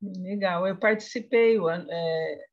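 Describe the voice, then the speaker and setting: A woman moderating an academic session over a video call. She speaks softly and lets her sentences trail off. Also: fairly low pitch, normal speed, dull audio, crowd noise.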